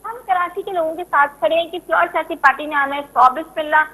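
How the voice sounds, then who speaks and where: Woman politician from Karachi, talk-show guest; high, bright and insistent. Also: fast, low-quality recording. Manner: insistent, repeats points for emphasis.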